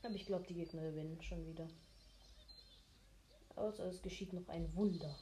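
A woman giving casual, low-key, mildly grumbling commentary on her own gameplay. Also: steady tone, moderate pace, dark tone, slight background noise. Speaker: gamer commentating own play.

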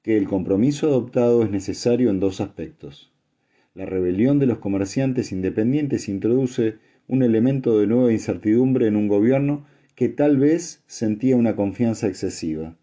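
A man reading aloud and voicing a male sage who speaks calmly and formally in a recorded message. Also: fairly low pitch, natural voice. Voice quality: calm, measured, formal.

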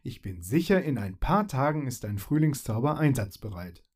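A man voicing a kind, caring female winter fairy in a storybook reading, gentle and soothing. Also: medium pitch, big pitch swings, moderate pace.

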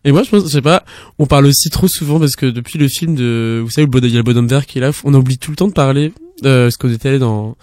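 A man with an average-pitched voice chats in a joking, teasing way, dropping playful asides and chuckles. The sound is close and dry. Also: quick pace, darkish tone, no room sound.

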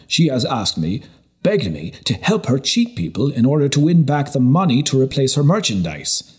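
A man's voice: medium pitch, a little mellow, husky, pitched above the performer's own voice. A man voicing a tired young monk, weary from drink, who pleads anxiously for advice in a storybook reading.

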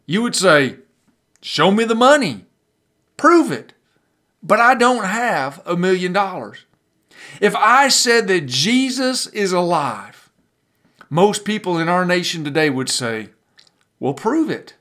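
A man preaching a sermon as pastor, building emphasis with dramatic pauses and sometimes repeating words as he pushes a point. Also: high voice, pushed and bright.

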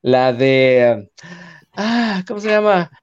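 This podcast host, a man with a Mexican accent, speaks slowly in a clear, resonant, fairly high voice, though the sound is lo-fi. His chat is casual and joking, lively in manner, and he reads listener comments aloud.

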